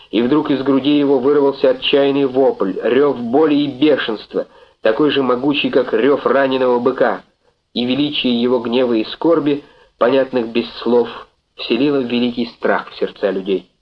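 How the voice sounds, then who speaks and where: A man reading a classic novel aloud as an audiobook narrator, in measured, even storytelling. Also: medium pitch, lo-fi sound. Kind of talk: scripted literary narration.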